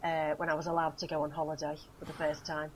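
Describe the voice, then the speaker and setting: A woman's voice: low voice, completely flat delivery, fast, a little hiss or hum, low-quality recording. A middle-aged woman being interviewed, chatting and reminiscing with frequent laughs and fillers. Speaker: guest, actress. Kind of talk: casual chat, reminiscing.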